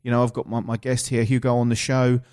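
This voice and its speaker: A man's voice: medium pitch, flat delivery, fast, mellow. Essex man hosting a podcast, emphatic and encouraging. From England. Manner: emphatic, encouraging, direct address to listeners. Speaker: podcast host and coach. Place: office studio.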